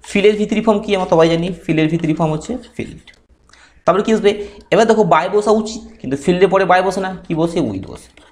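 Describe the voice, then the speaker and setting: A man with a Bengali accent teaching an online English grammar lesson, asking questions and answering them himself while working slowly through examples. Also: high voice, a little mellow.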